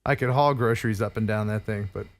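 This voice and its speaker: A man in his fifties from the United States hosts a video call interview through a headset in his home studio. He talks fast in a fairly low voice, sounding enthusiastic and often exclaiming and laughing.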